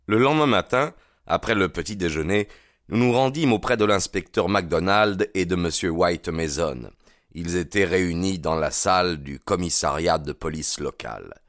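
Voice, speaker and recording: Deep-voiced man narrating an audiobook. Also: dry recording, clean studio sound. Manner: measured, even storytelling.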